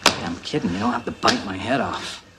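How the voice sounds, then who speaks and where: A man's voice: on the low side, lively intonation, brisk, natural voice. An actor playing an easygoing, teasing salesman. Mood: joking. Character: joking, easygoing male car salesman colleague. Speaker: car salesman. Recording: TV movie audio with loud background noise.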